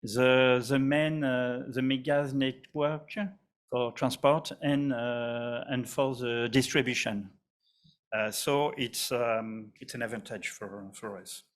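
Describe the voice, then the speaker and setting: A man with a French accent giving a conference presentation, halting, with many fillers and restarts. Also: mid-range voice, fairly even intonation. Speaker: conference speaker.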